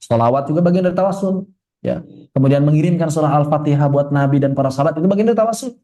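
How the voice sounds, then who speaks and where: A man from Indonesia giving a religious study lecture, joking and quizzing his class, slowly chanting Arabic verses. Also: a little high, dark tone. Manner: joking, conversational teacher asking the class questions. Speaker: Islamic teacher.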